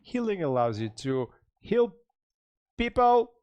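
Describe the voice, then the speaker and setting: A man's voice: high-pitched, sing-song, slow pace, smooth, dull audio. A sleep-deprived man, a game developer, explaining game mechanics step by step in a casual livestream, with joking asides.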